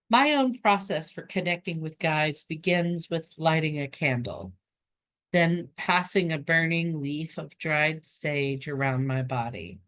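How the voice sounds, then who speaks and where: A woman hosting a show, calmly reading aloud from a spiritual book and adding chatty asides. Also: low-pitched, slow.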